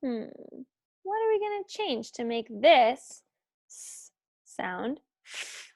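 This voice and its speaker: A young woman teacher leads young children through a phonics lesson, her high voice sing-song, creaky, and darkish in tone. She goes slowly, encouraging the kids and praising them often.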